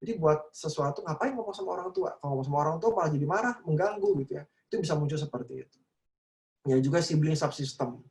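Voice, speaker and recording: Chatty middle-aged man with a higher voice. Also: fast talker, darkish tone, reverberant. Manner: chatty, frequently tags sentences with "gitu ya" and acts out quoted voices. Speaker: child psychologist giving a seminar talk. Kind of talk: casual online seminar talk to parents. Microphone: video call.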